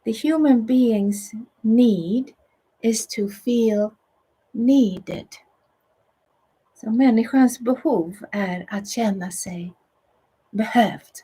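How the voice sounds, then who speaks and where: Extremely slow and full of long pauses, a middle-aged woman with a Swedish accent, whose first language is Swedish, leads a guided meditation and spiritual teaching. Her soft, soothing voice is a little high and husky, often sinking to a whisper, on a low-quality recording.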